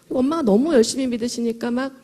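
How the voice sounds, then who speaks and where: Woman, middle-aged, motivational talk, mellow, higher-pitched, slightly hoarse, chatty and emphatic, large hall audience. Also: very fast. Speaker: motivational speaker at a sales event.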